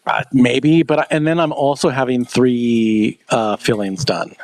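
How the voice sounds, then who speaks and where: A man's voice: mid-range voice, steady tone, a little slow, a little mellow, poor audio. A man from the United States hosting a podcast, chatting and telling stories casually with teasing jokes and some swearing. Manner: joking, teasing, profane. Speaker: podcast host. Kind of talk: casual chat, storytelling.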